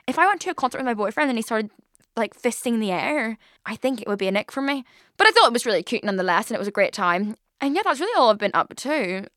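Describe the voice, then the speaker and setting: A chatty young woman in her twenties rambles through a casual solo podcast, full of fillers and swearing. Her voice sits a little high, and the studio recording is close and dry. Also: big pitch swings, fast, fairly bright tone, dry recording. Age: 20s. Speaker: podcast host. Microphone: studio mic.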